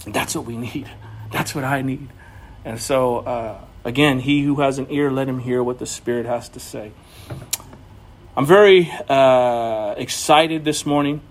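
A man's voice: mid-range voice, a little slow. A man preaching a sermon as pastor, telling a personal story in an earnest way with frequent restarts.

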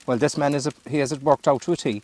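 A man's voice: medium pitch, fairly even intonation, racing, a little mellow. A man from Galway with a West of Ireland accent, chatting and bantering casually outdoors. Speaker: angler. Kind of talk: casual chat.

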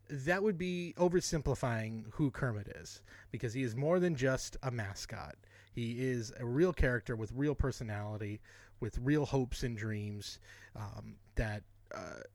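A man's voice: medium pitch, measured pace, darkish tone, no echo. A man co-hosting a podcast in casual chat, rambling and correcting himself as he goes, often laughing. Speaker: podcast co-host.

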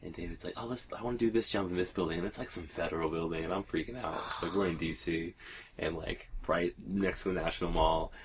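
A young man with a very low, gravelly voice, rambling through stories in a relaxed group chat. He leans on filler words and laughs often, and there is a faint hiss behind him. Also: quick pace.

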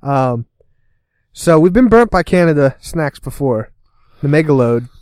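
A man's voice: on the high side, lively intonation, a little slow, darkish tone, no echo. A man co-hosting a casual snack-review podcast, laid-back and teasing. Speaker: podcast co-host.

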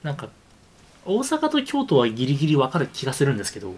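A young man co-hosting a casual podcast chat, answering quickly and eagerly. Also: medium pitch, huge pitch swings, darkish tone, husky. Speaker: podcast co-host.

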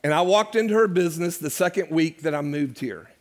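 A man's voice: on the high side, fairly quick. An older man preaching a sermon as pastor to his church, conversational and joking with the congregation. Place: church sanctuary.

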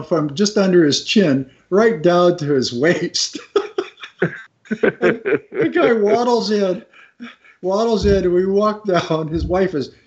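Animated storyteller man with a high voice. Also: dull audio. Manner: animated, laughs at his own story, acts out voices. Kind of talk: casual anecdote telling.

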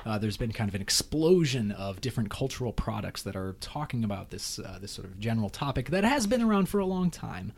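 A man's voice: lowish voice, sing-song, quick pace, gravelly, hardly any pauses. A man hosting a podcast, opening in a playful mock-formal way, then chatting in a conversational tone. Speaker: podcast host. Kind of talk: casual academic podcast chat.

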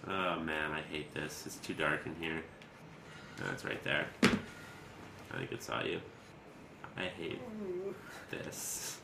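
A man in a casual gaming podcast, teasing in a deadpan way and swearing freely. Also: very deep voice, slow, vocal fry, long pauses. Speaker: podcast co-host watching the game. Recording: echoey room with background noise.

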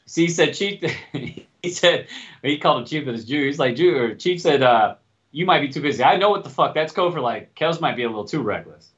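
A man's voice: fairly high pitch, expressive, brisk. A man hosting a casual podcast chat, talking bluntly and swearing freely. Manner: blunt, profane, straight-talking. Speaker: podcast host. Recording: dull lo-fi recording.

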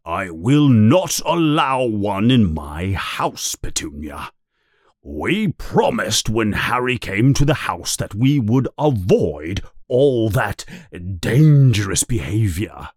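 Narrator as middle-aged uncle, blustering, bossy, rattled, storybook character, animated pitch, dry sound. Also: takes it slowly, dry recording, heavily acted. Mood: stern.

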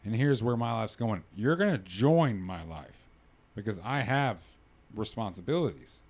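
A thirty-year-old man hosting a casual podcast chat, talking in an animated, joking way and laughing easily. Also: fairly low pitch, measured pace. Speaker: podcast host.

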